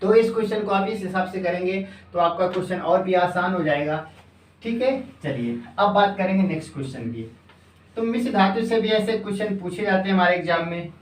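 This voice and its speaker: A coaching-class teacher giving an exam-prep math lesson, asking questions and answering them, repeating phrases slowly as if dictating. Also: mid-range voice, distant mic. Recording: echoey room, voice off-mic.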